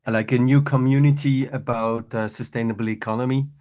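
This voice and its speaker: A native French speaker from Switzerland with a Swiss French accent hesitantly explains his startup in a casual chat on a video call, where he is a webinar participant, searching for words as he goes. His medium-pitched voice is steady, darkish, and a little fast.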